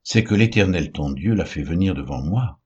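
An anxious younger son who pleads earnestly while deceiving his father, read by a man. The voice is very low and husky, scripture-reading calm. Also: normal speed, muffled recording.

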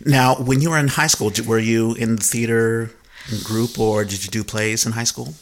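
A man's voice: mid-range voice, fairly even intonation, moderate pace. A man hosting a podcast, chatty and rambling, full of you-knows. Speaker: podcast host. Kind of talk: casual interview chat.

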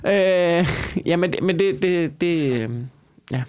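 A Danish man with a slightly raised pitch talks as a podcast host in very dry sound. He chats casually, swears heavily and rants in an incredulous way. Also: a little mellow, clean tone, no echo. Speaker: stand-up comedian.

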